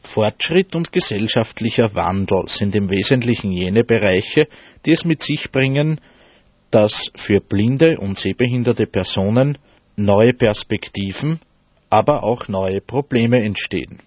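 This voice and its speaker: A man's voice: lowish voice, animated, measured pace. A man reading a scripted radio report. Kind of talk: scripted narration. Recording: husky-sounding, dull, echoey room recording.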